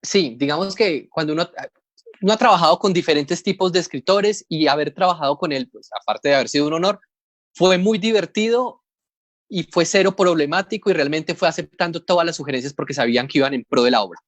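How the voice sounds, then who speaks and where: A man's voice: a little high, a little fast, dry recording. A Colombian man, a comics editor, talking casually over a video call, rambling and explaining things step by step. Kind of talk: casual panel talk.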